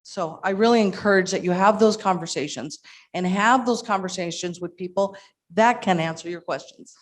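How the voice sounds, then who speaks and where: A woman's voice: lowish voice, normal speed. A woman on a panel speaking earnestly and encouraging the audience to work together. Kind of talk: panel discussion.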